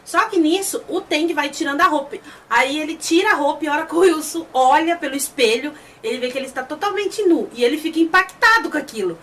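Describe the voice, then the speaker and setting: A woman's voice: sits high, fast talker, fairly bright tone. A Brazilian woman with a Brazilian Portuguese accent reviewing a TV series in casual talk, retelling scenes emotionally and acting out the quoted lines. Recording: distant mic with faint background noise.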